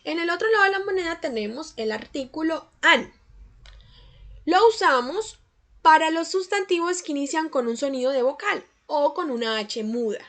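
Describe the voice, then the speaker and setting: A woman with a high voice and a gravelly edge narrates a scripted English grammar lesson, her clear. She explains patiently and slows right down to sound out each English example sentence with care. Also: lively intonation, fairly bright tone. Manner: slow, careful enunciation of English example sentences. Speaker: English teacher.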